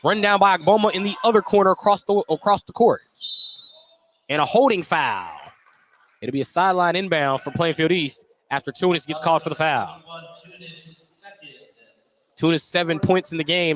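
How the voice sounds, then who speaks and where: A radio announcer at courtside in an indoor gym calls basketball play-by-play live, speaking at a moderate pace with long pauses. His voice is a little high and fairly bright, against gym noise and a bouncing ball.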